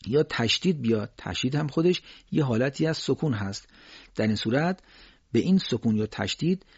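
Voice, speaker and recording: A man gives a recitation lesson in a husky, mid-pitched voice, moving between calm explanation and slow, drawn-out chanted examples. The recording is dry and somewhat muffled, with no room around it. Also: dry recording. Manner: explains calmly, then slowly chants drawn-out Quranic examples. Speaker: Quran recitation teacher.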